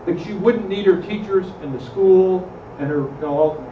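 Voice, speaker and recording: High-voiced man leading a church discussion. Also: moderate pace. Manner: questions the group, frequent "right?" tag. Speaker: pastor leading a group discussion. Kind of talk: conversational Bible study discussion. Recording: roomy, distant, slightly muffled with faint noise.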